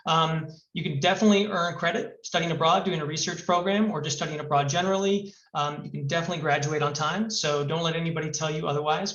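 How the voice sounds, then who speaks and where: This study abroad advisor's webinar voice is fairly high and fairly bright, and he leans on plenty of fillers. The muffled, far-off mic and the hard echo of a new room make him sound boxy and hollow, like he's talking from inside a fishbowl.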